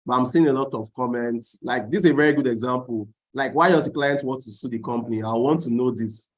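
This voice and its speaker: A man with a middle-pitched voice facilitates an online training session. He talks conversationally and keeps putting probing questions to the group. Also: brisk. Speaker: workshop facilitator.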